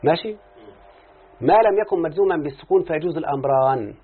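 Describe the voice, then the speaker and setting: A man with an Egyptian Arabic accent teaches a grammar class in a fairly high, animated, slightly rough voice, talking fast. He uses examples and frequently checks that the listener is following. The lecture recording sounds muffled, like a phone.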